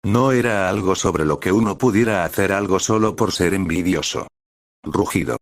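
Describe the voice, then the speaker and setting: A male narrator reads a serialized novel in a steady, even manner. His voice is very low. The recording is dry and close, with no room sound. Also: normal speed, dry recording. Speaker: audiobook narrator.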